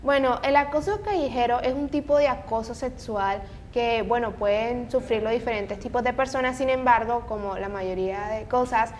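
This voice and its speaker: At a moderate pace with few pauses, a woman hosting a casual talk podcast speaks earnestly and with strong opinions. A low rumble runs beneath her voice, making the audio noisy.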